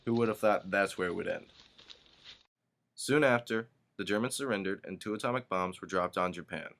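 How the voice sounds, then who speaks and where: A man's voice: sits low, normal speed, fairly bright tone. A man playing a weary soldier father, narrating his war story from a script. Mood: somber. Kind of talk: scripted first-person narration. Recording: clear background noise behind narration.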